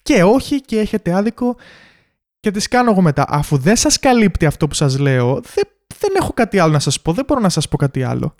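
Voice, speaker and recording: Animated young man telling shop stories. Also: a little high, hardly any pauses. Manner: animated, mimics customers in quotes. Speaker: podcast host. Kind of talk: casual storytelling monologue.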